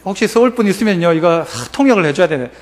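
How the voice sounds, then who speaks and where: A man from the Gyeongsang region of Korea, speaking with a Gyeongsang accent, preaching a lively sermon as pastor and coaxing the congregation to repeat after him. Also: fast. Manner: animated preaching, rising to emphatic calls then dropping low.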